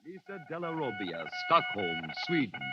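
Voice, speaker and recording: A man's voice: very high-pitched, huge pitch swings, moderate pace, dull audio, full character voice. A man reading telegrams in a dry, wry manner in a 1940s radio drama. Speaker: reader of telegrams. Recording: old radio broadcast under loud music.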